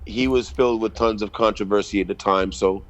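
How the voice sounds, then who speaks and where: A man from the Bahamas, a reggae artist in his thirties, giving a casual radio interview in a measured, hesitant way with many ums. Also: on the low side, steady tone. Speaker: guest reggae artist and producer.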